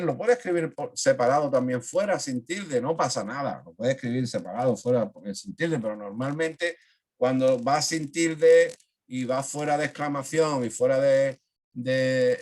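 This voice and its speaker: A man giving an online grammar lesson on a video call. He fills pauses with "eh" and keeps checking in with "¿eh?". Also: mid-range voice. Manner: frequent "eh" fillers, checks in with "¿eh?". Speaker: teacher.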